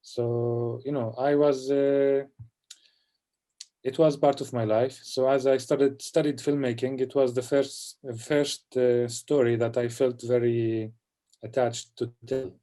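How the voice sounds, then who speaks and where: A film director from Palestine answering questions in a festival Q&A over a video call. He speaks in a reflective, halting way and often adds "you know". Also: mid-range voice, little pitch movement, warm tone. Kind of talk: festival Q&A conversation.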